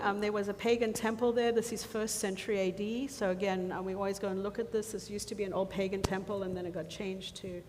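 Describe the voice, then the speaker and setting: A woman walks a church congregation through photos from a mission trip, chatting along, full of ums and restarts. Her voice sits at an ordinary middle pitch. The sound has a long hall echo and a faint hiss behind it. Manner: chatty, loses her thread, many ums. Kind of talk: slide presentation to a church congregation. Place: church sanctuary. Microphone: handheld or lapel mic.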